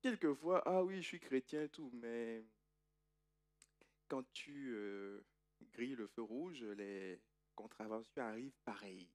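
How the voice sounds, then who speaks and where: A pastor delivering a Sunday sermon in a lively, chatty style. His voice moves widely up and down as he talks straight to the congregation, at a middling pitch. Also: a little slow. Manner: animated, conversational preaching.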